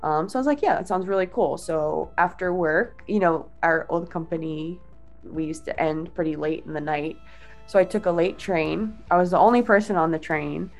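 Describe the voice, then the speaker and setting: A woman's voice: lowish voice, moderate pace, soft background music. A young woman casually telling a long story, full of "like" fillers and casual swearing.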